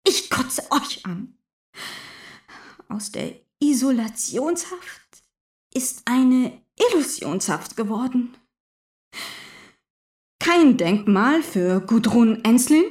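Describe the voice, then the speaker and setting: A bitter young militant locked in a cell, acted by a woman delivers a theatrical stage monologue. The voice sits fairly high and moves slowly, dropping to hushed whispers and then breaking into shouted outbursts. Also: full character voice.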